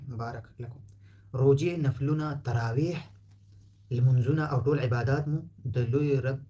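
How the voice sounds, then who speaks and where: A man whose first language is Pashto gives a relaxed spoken lesson, patiently explaining and repeating words to show how they are pronounced. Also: mid-range voice. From Afghanistan. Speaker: language teacher.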